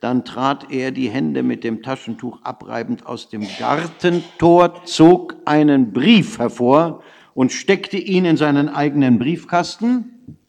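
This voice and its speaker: A man narrating a literary story in the first person, measured, hushed and intent. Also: medium pitch, creaky. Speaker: audiobook reader. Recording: long reverb.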